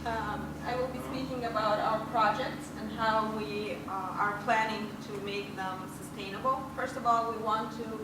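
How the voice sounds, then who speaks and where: Brisk woman presenting in an echoey room. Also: mid-range voice, fairly even intonation. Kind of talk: group presentation. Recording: echoey room from far off with noise.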